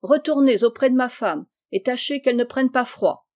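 A woman reading aloud, voicing a fussy, grumbling middle-aged husband who complains loudly. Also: a little high, lively intonation, normal speed, pitched above the performer's own voice, lightly acted. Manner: peevish, complaining, shouted.

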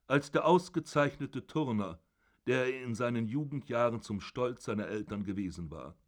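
A man calmly narrating a literary short story for an audiobook. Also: medium pitch. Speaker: audiobook reader.

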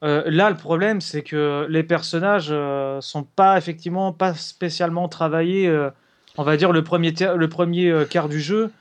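A man in casual podcast chat, his voice sitting a little high. He talks in lively bursts, jumps in over his co-host and drops casual swear words. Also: moderate pace. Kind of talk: casual chat about retro games.

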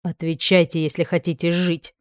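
A woman voicing a grim, menacing young dragon-lord duke who talks in short, low, growled lines, in a dry recording. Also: little pitch movement, normal speed, darkish tone, dry recording, natural voice.

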